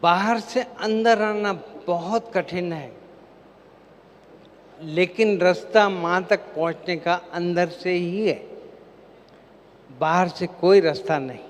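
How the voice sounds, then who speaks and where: A man giving a devotional seminar talk to a live gathering. He poses questions to the crowd and then answers them himself. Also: high-pitched. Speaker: spiritual seminar speaker. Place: large hall with an audience. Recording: long hall reverb, faint background noise.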